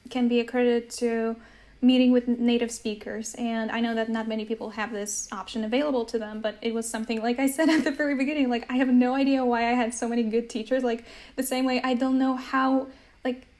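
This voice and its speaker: Young woman, Polish native, American accent, slightly high voice, casual and chatty. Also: flat delivery, a little fast, a little mellow. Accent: American English. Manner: chatty, uses many fillers, laughs easily. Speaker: language-learning guest. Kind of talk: casual conversation.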